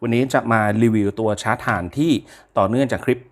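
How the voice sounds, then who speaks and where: A man at a middle pitch casually reviewing gadgets for his viewers. He speaks in an easygoing, unhurried way. He stops to search for words and corrects himself as he goes. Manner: chatty and unhurried, with hesitations and self-corrections; talks directly to viewers. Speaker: product reviewer. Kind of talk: casual product review to camera.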